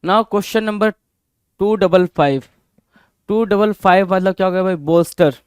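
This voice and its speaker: A man runs an exam-prep vocabulary lesson, firing rhetorical questions at students and drilling each word. His voice sits high and comes across smooth and resonant. The recording is close and dry. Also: measured pace, no room sound. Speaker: vocabulary teacher.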